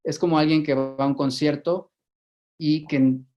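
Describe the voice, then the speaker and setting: A man with a Mexican Spanish accent giving a measured lecture to a live audience, often repeating words while he thinks. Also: fairly high pitch, fairly even intonation. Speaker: guest lecturer. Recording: dull lo-fi recording.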